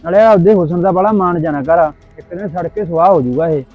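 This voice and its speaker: Quick high-voiced man, defensive. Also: dull audio, faint music behind. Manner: insistent, defensive. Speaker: actor in a short Punjabi drama. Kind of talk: amateur short-film acting.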